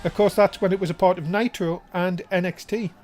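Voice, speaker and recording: An excitable wrestling commentator works as a showman, mixing play-by-play with show promos. The voice sits in a middle register, with music playing behind it. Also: medium pitch, fairly quick.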